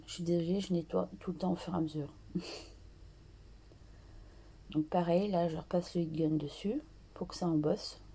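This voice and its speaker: A woman hosting a craft tutorial, slowly talking through her art journal steps with many pauses and restarts. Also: fairly low pitch, fairly even intonation, dark tone, slightly rough. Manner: slow and hesitant, many fillers and restarts.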